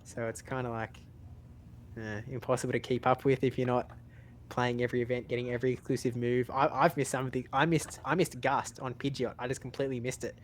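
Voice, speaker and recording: A man chatting casually on a podcast, rambling and haltingly repeating words as he thinks aloud. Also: mid-range voice, level tone, a little hiss or hum. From lives in Australia. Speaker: podcast panelist.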